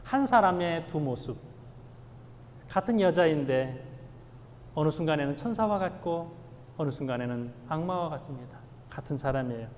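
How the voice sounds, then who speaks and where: A male pastor preaching an emphatic sermon in a church sanctuary, swinging between loud stresses and hushed asides. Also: a little high, animated, normal speed, pauses often, big-room sound, slight background noise.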